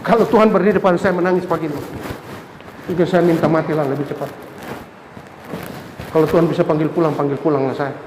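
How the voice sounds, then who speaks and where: A pastor preaching an impassioned sermon, swinging from soaring cries to low murmurs. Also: male voice, steady tone, fast talker, pauses often, darkish tone, slight background noise. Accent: Indonesian. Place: church sanctuary. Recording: echoey church hall with faint ambience.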